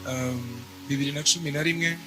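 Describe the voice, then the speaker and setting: A man's voice: a little high, fairly even intonation, music in the background. Young Rwandan man giving testimony. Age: young adult. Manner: measured, speaks in short bursts. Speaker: church testimony speaker. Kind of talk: church testimony in short phrases paused for an interpreter.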